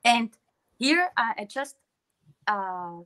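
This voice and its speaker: A woman's voice: on the high side, sing-song, takes it slowly, fairly bright tone. A woman with a German accent, a guest giving a slide presentation over a video call, explaining steadily with many fillers and restarts. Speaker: guest speaker.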